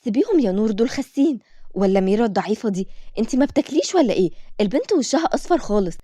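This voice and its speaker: A woman's voice: on the high side, sing-song, very fast, mellow, dry recording. A woman voicing a doting, teasing old grandmother with an Egyptian accent, fussing over her granddaughters. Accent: Egyptian Arabic. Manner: affectionate, fussing.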